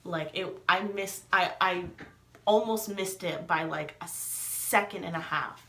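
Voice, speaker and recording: A woman's voice: on the low side, unhurried, sharp tone. Chatty young woman in an echoey room. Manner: chatty, many fillers, acts out quoted dialogue. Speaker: vlogger. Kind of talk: casual storytelling.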